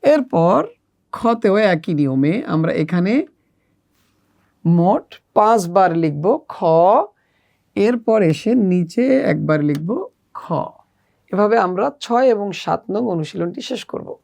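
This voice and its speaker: Slow gravelly woman teaching children. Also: medium pitch, lively intonation, darkish tone. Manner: slow, patient step-by-step instruction. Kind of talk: workbook lesson walkthrough.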